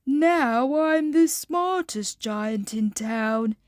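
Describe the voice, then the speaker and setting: A woman's voice: on the high side, lively intonation, slow pace, a little mellow, no room sound, studio quality. A woman voicing a kind, proud male giant from a storybook in a hearty, emphatic, singsong way.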